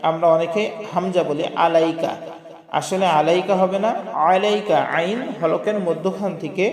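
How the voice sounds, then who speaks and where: A man with a high voice leads a word-by-word recitation lesson, chanting each phrase slowly and then explaining it quickly and patiently. The recording is roomy, with a long reverb trailing behind every line. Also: fairly even intonation, a crowd in the background. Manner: patient, corrects common mistakes. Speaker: Quran recitation teacher. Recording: echoey room with long reverb.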